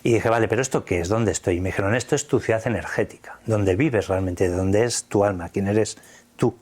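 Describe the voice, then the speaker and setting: A man's voice: on the low side, a little fast, a little mellow. A man from Spain with a Spanish accent, recounting a personal experience in earnest, vivid detail, quoting the dialogue. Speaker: interview guest.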